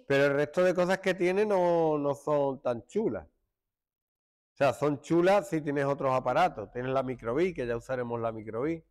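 A middle-aged man from Málaga with an Andalusian accent, teaching a joking classroom lesson and hushing his students. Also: a little high, moderate pace. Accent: Andalusian Spanish. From Málaga, Spain. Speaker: secondary school teacher.

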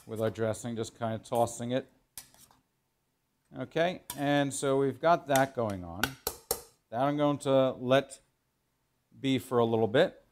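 Working in an indoor professional teaching kitchen, a middle-aged chef explains his cooking demo as he goes, speaking informally and haltingly and repeating phrases for emphasis. His voice is medium-pitched and a little mellow, with slight background noise in the recording.

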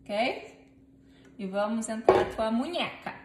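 A woman in her thirties, a home cooking vlogger, demonstrates a recipe in her home kitchen, chatting playfully with viewers and her helper as she works. Her fairly high voice has lively intonation but a slow pace. The kitchen sounds echoey, with clear background noise.

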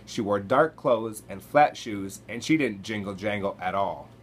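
A man, a coach, reading a children's chapter book aloud to students with expressive storytelling. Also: lowish voice, a little slow, a little hiss or hum.

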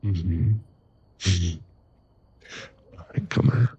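A man's deep, husky, gravelly voice carries a heavily acted ASMR roleplay in which he is an affectionate, teasing werewolf boyfriend. He coaxes softly in halting phrases, and the close-mic audio sounds dull.

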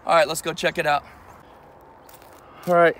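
A man's voice: fairly high pitch, flat delivery, normal speed, a bit bright, a little hiss or hum. A man in his thirties giving a casual, matter-of-fact review at an outdoor shooting range, recorded by a camera a few steps away. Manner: plain, matter-of-fact explaining. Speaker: channel host. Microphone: camera mic at a distance.

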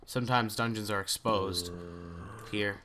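A man's voice: fairly low pitch, measured pace, over music. A man hosting a gaming video, chatting casually and thinking aloud as he plays, often trailing off into mutters. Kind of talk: let's play commentary.

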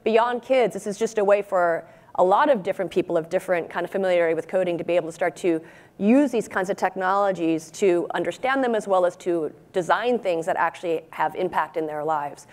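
A woman's voice: medium pitch, darkish tone. A woman in her forties speaking as a panelist on a conference stage, explaining at length with frequent "you know"s into a lapel mic. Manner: expansive, fluent explaining with many "you know"s. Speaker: panelist, robotics researcher.

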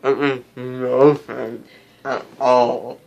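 Loopy, slow teen boy after wisdom teeth. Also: mid-range voice, level tone, vocal fry, a little mellow. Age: teens. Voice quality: muffled, cotton-stuffed mouth. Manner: rambling, repetitive, giddy. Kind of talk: casual rambling to camera. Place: small indoor room, seated in armchair.

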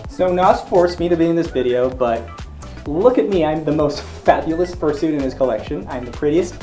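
A man's voice: fairly high pitch, expressive, moderate pace, dark tone, soft background music. A young man chatting in an upbeat, casual way from inside a fursuit head. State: through a costume head. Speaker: furry video creator showing his fursuits. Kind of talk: casual vlog chat.

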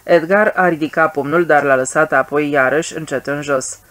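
Audiobook narrator, steady literary narration, mid pitch.

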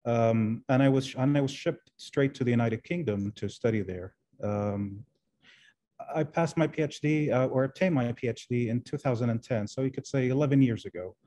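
Here a translation professor from Kuwait, a man in his forties and a native Arabic speaker, takes interview questions as a guest on a video call inside a room. His mellow voice sits at medium pitch and moves at normal speed, though his answers are hesitant and full of fillers and restarts.

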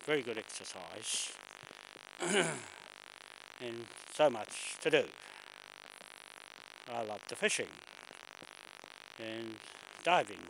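An older man, out of breath and chatting as he films a walk down a bush stairway, often clearing his throat. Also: fairly low pitch, expressive, slow, pauses often. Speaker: vlogger filming a walk. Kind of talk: casual walking commentary. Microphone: handheld camera mic. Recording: loud hissy camcorder audio.

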